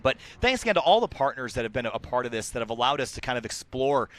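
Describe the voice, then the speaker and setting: A man's voice: medium pitch, sing-song, quick pace. A young man hosting a live motorsport stream, upbeat and a little out of breath, reading sponsors with frequent restarts. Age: young adult. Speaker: stream host.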